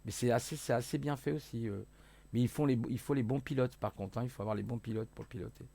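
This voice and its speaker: A man casually walking viewers through electronics software, hesitant with many fillers, self-corrections and jokey asides. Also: medium pitch, fast, gravelly. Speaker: hobbyist electronics youtuber. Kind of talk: casual screen-share tutorial.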